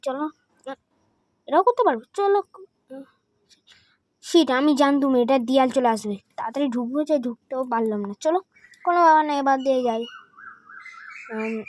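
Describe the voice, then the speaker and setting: Girl doing hyped game commentary, highish voice, dry close sound. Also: no room sound. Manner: excitable, mixes Hindi phrases, counts numbers aloud. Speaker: gaming channel host. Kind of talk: excited gameplay commentary.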